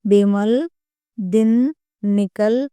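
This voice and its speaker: A woman teaching a Hindi lesson, slowly reading out single words and short sentences one at a time, stretching each word. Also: mid-range voice, warm tone, clear, resonant tone, no echo. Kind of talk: slow, deliberate lesson dictation.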